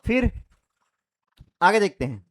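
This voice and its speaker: A man's voice: sits high, very animated, slow. A young man teaching an online Hindi grammar lesson, explaining step by step and demonstrating vowel sounds aloud. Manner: explains step by step with repeated checks.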